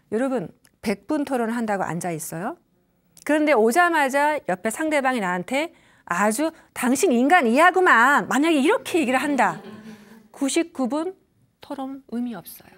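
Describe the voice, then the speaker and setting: Animated woman counselor lecturing. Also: on the high side. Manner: animated, acts out quoted parents and children. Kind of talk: lecture on communication.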